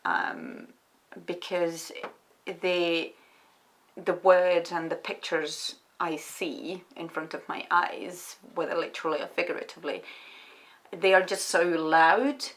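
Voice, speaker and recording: A woman from Estonia, a writer answering interview questions in a reflective, hesitant way with many pauses and restarts. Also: lowish voice, lively intonation, fairly bright tone.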